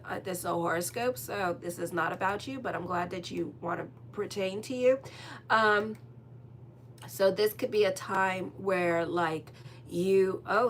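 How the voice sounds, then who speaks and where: With a voice on the low side and slight background noise, a woman astrologer does a chatty, rambling tarot horoscope reading packed with fillers. She addresses her listeners frankly and directly.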